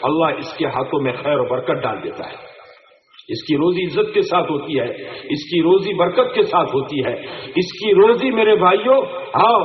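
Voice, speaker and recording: Here a man preaches an Islamic sermon, his fairly high voice lively in intonation and moving at a moderate pace. He frequently throws rhetorical questions at his listeners, and the sound is tinny, like a phone, with room echo.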